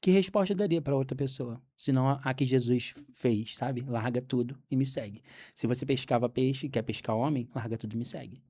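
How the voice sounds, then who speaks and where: A Brazilian man, a podcast guest, telling a faith story with lively acted-out dialogue. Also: medium pitch, a little fast. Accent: Brazilian Portuguese. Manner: animated storyteller acting out dialogue. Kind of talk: storytelling testimony.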